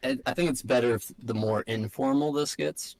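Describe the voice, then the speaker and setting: Over a video call microphone, a man co-hosts a podcast in a medium-pitched voice at normal speed, and the recording is rough. He chats casually, laid-back and dry.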